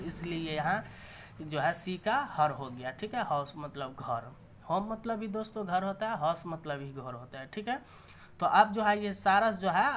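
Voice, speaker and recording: A woman teaching English in Hindi. She reads each English line slowly and then explains it quickly, often asking her viewers "ठीक है?". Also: on the low side, slight background noise. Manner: addresses viewers as friends, keeps asking "ठीक है?".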